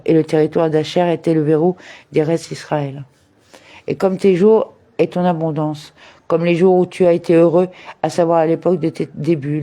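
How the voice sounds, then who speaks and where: A man reading a religious commentary aloud in a measured way, working in Hebrew terms and verse references. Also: on the high side, warm tone. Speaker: reader of a daily study text.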